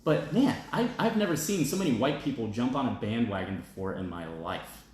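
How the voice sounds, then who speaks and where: A man's voice: medium pitch, expressive, fairly quick, a little mellow. A man hosting an opinion show, giving a blunt, emphatic casual monologue and often checking in with "okay?" and "all right?", then reading out viewer comments. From United States. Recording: very echoey room.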